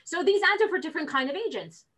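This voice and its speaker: This fast talker has a voice that sits high, heard on a low-quality recording. A real estate recruiter and interview guest, she chats casually with plenty of energy, animatedly acting out the exchanges she describes.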